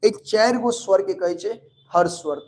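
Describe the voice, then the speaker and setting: A man with a Maithili accent teaching grammar for an exam, drilling students with quick questions and answering them himself. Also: high-pitched. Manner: lively, calls students pet names. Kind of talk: online exam-prep grammar lesson.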